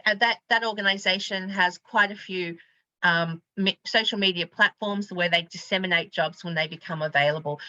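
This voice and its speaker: A woman lecturer talks a class through job hunting in a bright, forward voice, loose and chatty with plenty of ums and restarts. The sound is dry and a little dull, like a home video call. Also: medium pitch, no echo. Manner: chatty, informal, many fillers and restarts. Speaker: university lecturer teaching a class.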